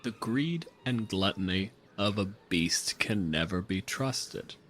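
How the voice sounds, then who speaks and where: Speaking slowly and with animation, this game master and show host narrates an improvised tabletop game, chatty yet dramatic. His pitch is fairly low, the tone a bit bright, and a little hiss or hum runs underneath.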